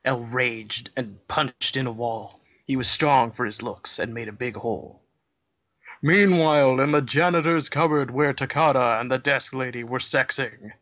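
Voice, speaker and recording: A co-host reads fan fiction aloud as a comedic dramatic reading, deadpan and matter-of-fact, tossing in dry asides at a measured pace. His voice sits at an ordinary middle pitch, and the sound is a bit dull and lo-fi, like a remote recording.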